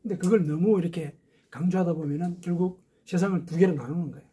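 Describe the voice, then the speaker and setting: A man's voice: high-pitched, quick pace, mellow, husky. A man preaching a sermon as a pastor, explaining step by step with rhetorical questions.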